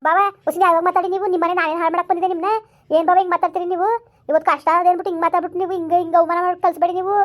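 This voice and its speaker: A woman's voice: very high-pitched, little pitch movement, very fast. A woman in a village comedy skit who pleads and complains. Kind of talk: village drama dialogue.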